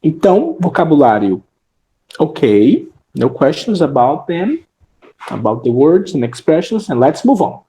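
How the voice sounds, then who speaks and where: A woman's voice: low-pitched, big pitch swings, slow, dark tone, reverberant, a little hiss or hum, low-quality recording. A woman teaching an English class online with a Brazilian accent, explaining in Portuguese and checking in with frequent tag questions.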